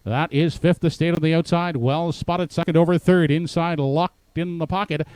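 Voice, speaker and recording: A man's voice: fairly high pitch, steady tone, normal speed, darkish tone, clean tone, dry recording. A man calling a harness race as live commentary, in an announcer's delivery that builds in intensity toward the finish.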